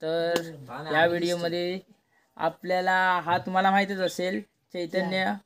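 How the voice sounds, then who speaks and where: A man's voice: sits high, monotone, a little slow, a bit bright. A man hosting a casual village vlog, chatty and coaxing as he shows around his home courtyard. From Konkan, India. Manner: chatty, coaxing and teasing the kids. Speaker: village vlogger host. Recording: outdoor courtyard with family chatter behind.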